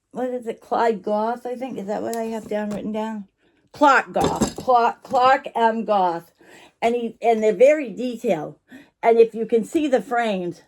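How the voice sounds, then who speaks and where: A woman's voice: a little high, darkish tone. A woman chatting casually to camera like a vlogger showing her shop finds, rambling and apologetic, interrupting herself and chewing gum while she talks. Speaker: online vintage shop owner and vlogger.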